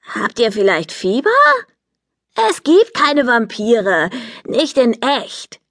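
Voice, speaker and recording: A woman voicing a stubborn, quick-tempered young girl in a children's audiobook, with an indignant, emphatic delivery. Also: fairly high pitch, big pitch swings, a bit bright, no room sound, studio quality, full character voice.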